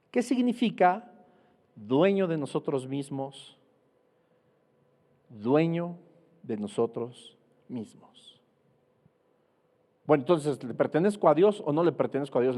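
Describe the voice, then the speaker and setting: A man delivers an earnest sermon, slowing down to stress key words and posing rhetorical questions. His voice sits high but mellow. A long reverb trails after him. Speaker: preacher.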